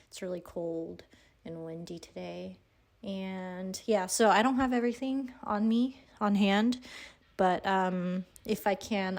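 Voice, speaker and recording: Slow-paced young woman, slightly grainy sore-throat voice. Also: mid-range voice, a little mellow. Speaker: vlogger and yarn dyer. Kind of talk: casual chat to camera. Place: indoors in a house under renovation. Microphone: handheld phone.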